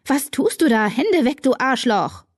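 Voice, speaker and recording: A woman's voice: mid-range voice, expressive, normal speed, a little mellow, no echo. A woman voicing an exasperated, bookish teenage girl in an audiobook, with a dry close sound. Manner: exasperated, defensive.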